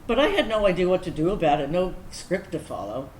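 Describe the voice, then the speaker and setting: In this staged reading, an actress voices a frank woman veteran in a lowish register, animated and speaking in the first person. Her tone is affectionate and candid as she spins a wry, confessional story, pausing on purpose. The stage recording echoes and carries background noise.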